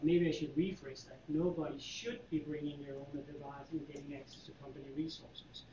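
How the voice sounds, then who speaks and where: Speaking fairly quickly in a slightly high voice, this Danish-accented middle-aged man from Denmark works as a consultant and conference presenter. He delivers a laid-back user group tech presentation, chatty and riddled with fillers and false starts. The meeting room is echoey, the mic distant, and the lo-fi audio sounds dull with a little hiss or hum.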